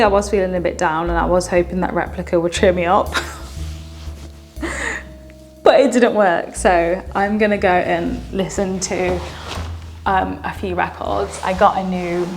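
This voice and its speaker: A woman chatting casually in a vlog, sounding exasperated as she reads out chat messages. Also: fairly low pitch. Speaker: vlogger.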